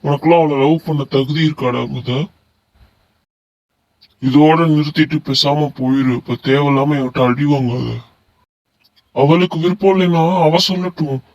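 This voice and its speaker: A hot-headed young cartoon man, as a man voices him, possessive and quick to threaten. He speaks bluntly in a slightly high voice. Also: fairly even intonation, a little mellow, dull audio, close to an everyday voice. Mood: aggressive. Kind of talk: animated story voice acting.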